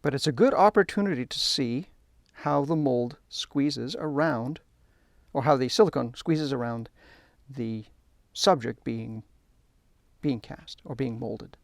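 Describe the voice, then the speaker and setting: A man's voice: mid-range voice, unhurried, vocal fry, no room sound, studio quality. A man demonstrating a hands-on hobby technique, chatty and enthusiastic as he narrates while working. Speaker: hobby instructor. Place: workshop.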